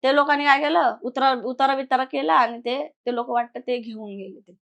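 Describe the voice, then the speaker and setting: This is a casual horror story told by a young woman from Maharashtra as a guest storyteller, relaying her own experience and quoting what people said. Her high voice has vocal fry and a slight brightness, with fairly even intonation at a moderate pace.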